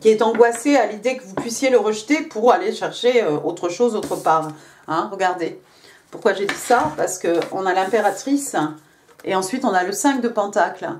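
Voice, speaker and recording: Speaking at medium pitch and a moderate pace, with slight background noise, a woman does a casual tarot reading. Her talk is chatty and full of fillers and "hein" tags, and she shifts into English when reading the card text.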